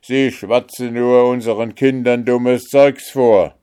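A man barking as rough mocking old gate guards. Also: mid-range voice, fairly even intonation, slow pace, voice pushed up, close to an everyday voice. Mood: impatient. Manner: loud, mocking, impatient. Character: gruff shouting old male gate guards.

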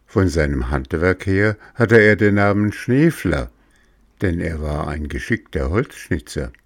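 Male storybook narrator, very deep and unhurried, dry close recording. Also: expressive, dry recording.

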